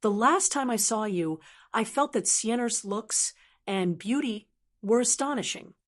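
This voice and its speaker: A woman voicing a proud, alluring woman who speaks in a soft, breathy, charming voice, in an audiobook. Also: fairly high pitch, animated, unhurried. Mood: forced charm. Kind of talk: audiobook narration of dialogue.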